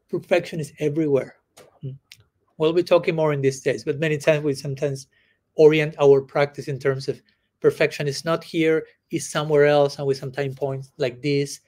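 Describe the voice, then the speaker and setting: With a fairly high pitch, this gentle man chuckles frequently as he teaches a live group in a casual dharma talk. As a spiritual teacher, he unfolds stories at an easy pace, peppered with little "no?" asides.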